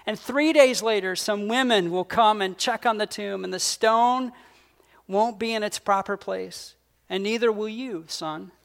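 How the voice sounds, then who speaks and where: A man's voice: high voice, vocal fry. A man voicing God the Father, speaking to his son in an earnest, intense way in a sermon. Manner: earnest, intense, pleading to press on. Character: God the Father, solemn, fatherly, commanding male deity.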